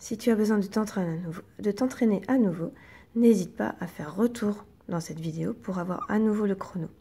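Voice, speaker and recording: A woman teacher, slowly and patiently guiding young children through reading exercises and sounding out each syllable. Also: mid-range voice, gravelly, dark tone, a little hiss or hum.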